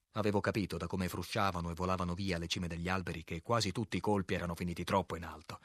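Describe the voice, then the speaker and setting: Low-voiced man reading a story. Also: a bit bright, no echo, clean studio sound. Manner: measured, clear literary reading, acting out quoted lines. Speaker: narrator. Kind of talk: audiobook narration.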